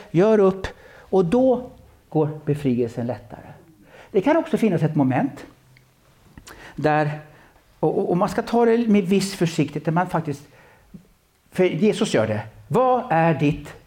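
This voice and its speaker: A man preaches with a lively, swooping delivery and a fairly high voice. He tells stories in bursts, restarting and repeating words as he goes. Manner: animated storytelling with many restarts. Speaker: pastor. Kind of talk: sermon.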